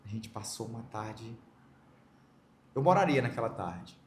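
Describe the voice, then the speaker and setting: A man's voice: fairly low pitch, expressive, unhurried, reverberant, background noise. Brazilian man telling a heartfelt story. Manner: emotional, vivid storyteller acting out quoted dialogue. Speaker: guest. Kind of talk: personal storytelling in a podcast interview.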